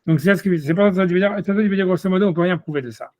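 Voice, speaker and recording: A man with a somewhat high voice explains a text to a single student. He leans on "tu vois", repeats himself and restarts as he searches for the words. The sound is dry and close, with no room echo. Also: racing, darkish tone. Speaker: Talmud teacher. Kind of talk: one-on-one study session.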